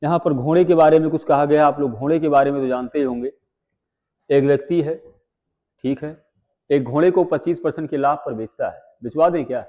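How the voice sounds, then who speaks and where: A man teaching maths, chatty and firing quick questions at his students. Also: on the high side, dull audio. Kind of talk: live online exam-prep class.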